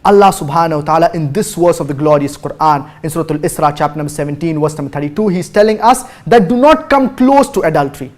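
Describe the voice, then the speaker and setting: A man delivers a religious lecture in a formal, measured voice that sits a little higher than most men's. He races through Arabic recitation, then slows down to stress each phrase of the translation and names the chapter and verse numbers with care. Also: lively intonation. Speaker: Islamic preacher answering viewer questions.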